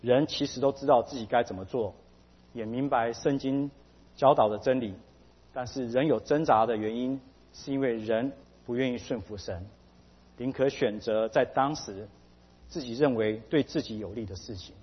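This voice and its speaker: A man quoting, in his own husky voice, an elderly pastor who counsels sternly and seriously, recorded dull with a long hall reverb. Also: medium pitch, moderate pace, close to an everyday voice. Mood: grave. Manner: serious, admonishing.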